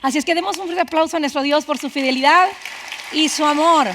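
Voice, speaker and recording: A woman preacher giving an animated sermon, calling out to the congregation and swinging from loud to soft. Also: high voice, fast talker, a crowd in the background, background noise. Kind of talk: lively bilingual-church sermon. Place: church sanctuary. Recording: reverberant church hall.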